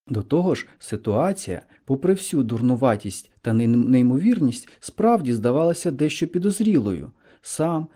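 A man narrates a story in an expressive audiobook style. His pitch moves freely. His voice is mellow and dark.

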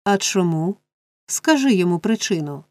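A woman voicing a frantic, scheming old male fence in an audiobook reading, shrill and insistent. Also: lively intonation, moderate pace, darkish tone, no echo, close to an everyday voice.

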